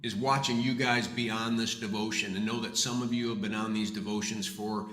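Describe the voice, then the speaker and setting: A man's voice: lowish voice, steady tone, fairly quick, fairly bright tone. A man giving a live morning devotional as pastor, earnest and encouraging, his voice carrying a heavy hall-like echo from his office. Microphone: desk microphone streamed online. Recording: echoey reverberant room.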